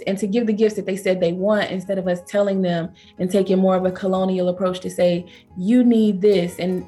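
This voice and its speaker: This is a lively Southern woman from Georgia, USA, who founded a travel company, telling stories as a guest in a conversational interview. She performs other people's words with jumps in pitch.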